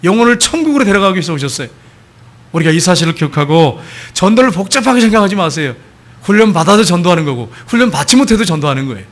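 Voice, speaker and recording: A middle-aged man preaching a sermon as a pastor, telling a story and acting out its dialogue, building to loud calls to the congregation. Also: high voice, big pitch swings, quick pace. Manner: storytelling preacher, acts out quoted dialogue, rises to loud exhortations.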